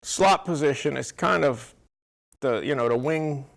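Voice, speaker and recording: A man from New Orleans hosting a college football show, interviewing coaches and players in a relaxed, chatty way. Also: mid-range voice, measured pace, vocal fry, poor audio. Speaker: show host. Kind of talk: casual sports interview.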